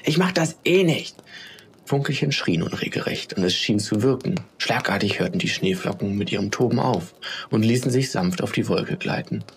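A man narrating a children's bedtime story in a calm, steady storytelling manner. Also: lowish voice, moderate pace, a little hiss or hum.

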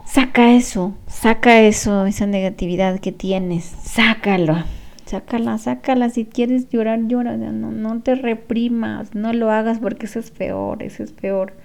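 Slow-talking woman giving heartfelt advice. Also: fairly high pitch, steady tone, gravelly. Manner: repeats phrases for emphasis, warm coaching tone. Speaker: spiritual healing therapist. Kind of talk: casual advice talk to viewers.

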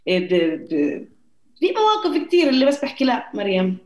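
A woman's voice: high-pitched, wildly swooping pitch, brisk, darkish tone. A young woman with a Palestinian Arabic accent talks casually and personally as an interview guest. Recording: roomy echo.

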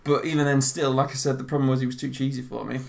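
A man with a gravelly, creaky voice at a middling pitch, talking through a film in relaxed podcast banter. He jokes around and swears freely. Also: very fast. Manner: chatty, swears freely, jokey. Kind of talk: casual film review chat.

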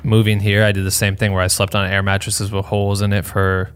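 A man's voice: on the low side, monotone, brisk, clear, resonant tone. Slangy young man on a podcast. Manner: slangy, rambling, laughs often. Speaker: podcast host. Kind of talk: casual podcast chat with ad read.

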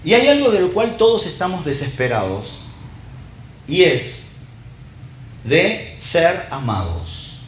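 A man's voice: fairly high pitch, sing-song, takes it slowly, pauses often, echoey room, a little hiss or hum. A middle-aged man with a Rioplatense Spanish accent giving a conversational sermon, tossing rhetorical questions and little check-ins at his listeners.

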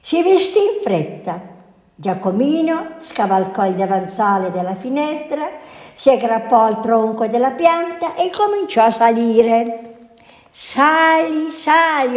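A woman's voice: on the high side, animated, a little mellow. A woman, a nun, reading a fairy tale aloud in a storytelling manner. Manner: slow, lilting storytelling. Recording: echoey hall.

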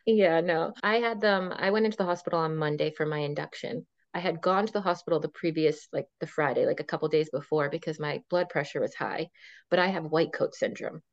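A woman's voice: sits low, brisk, dry recording. A woman in her thirties, a podcast guest, chatting casually and telling a long story full of fillers and quoted dialogue. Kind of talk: casual chat. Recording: dull dry lo-fi sound.

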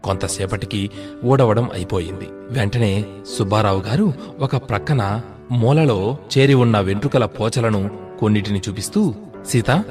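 A man narrating a moral children's story in a measured, scripted storytelling manner. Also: lowish voice, over music.

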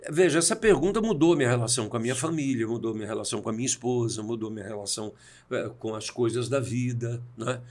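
A man's voice: medium pitch, fast, a little mellow. Reflective Brazilian man in his sixties. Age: 60s. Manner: reflective, acts out quoted dialogue. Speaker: guest. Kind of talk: storytelling in a conversation.

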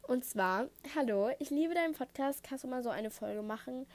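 A woman's voice: high-pitched, animated, normal speed. A thirteen-year-old girl from Saxony hosting her own podcast, chatting casually through listener questions and often drifting off topic with lots of fillers, recorded on a headset mic at home. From Saxony, Germany. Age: teenager, thirteen and a half. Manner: chatty, rambling, wanders off topic with many fillers. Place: at home, construction noise outside. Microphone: Apple headset.

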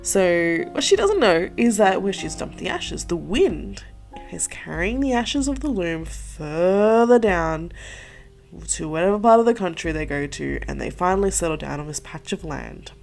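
A woman hosts a podcast, retelling a folktale in casual, profane chat studded with "like" and asides. Her voice sits low with a gravelly, fried texture. Faint music plays behind her. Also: very animated, normal speed, darkish tone. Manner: profane, chatty, many likes and asides. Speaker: podcast host. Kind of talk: casual storytelling.

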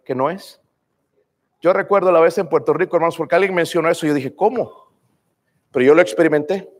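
A male preacher giving a fervent sermon, calling out to the congregation and asking them to say amen. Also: fairly high pitch. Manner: fervent, calls out to the congregation with "hermanos" and "amén". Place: church sanctuary. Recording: long reverb of a church hall.

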